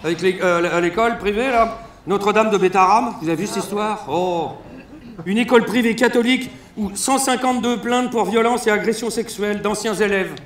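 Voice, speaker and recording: A male stand-up comedian on a concert hall stage, telling crude, mocking stories in an animated way. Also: high voice, fairly quick. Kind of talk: satirical stand-up press review. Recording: roomy live hall sound.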